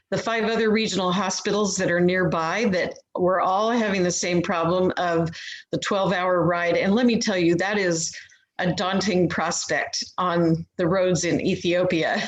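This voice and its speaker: A woman adds appreciative comments at an online club meeting. Her voice sits on the lower side for a woman. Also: poor audio. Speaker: club member.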